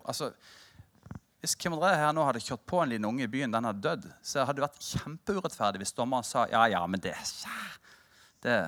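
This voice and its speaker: A male preacher in his thirties delivers a sermon as a personal story. His voice swings widely in pitch as he jokes with the room, then drops low and earnest for the point. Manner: storytelling, animated and humorous with the congregation.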